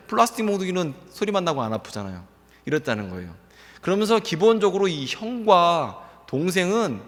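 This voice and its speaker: Male pastor preaching in a church, slightly high voice, long hall reverb, acts out quoted dialogue and builds to emphatic appeals. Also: fairly bright tone. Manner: storytelling, acts out quoted voices of family members; rising emphatic appeals to the congregation. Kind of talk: Sunday sermon. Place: church sanctuary.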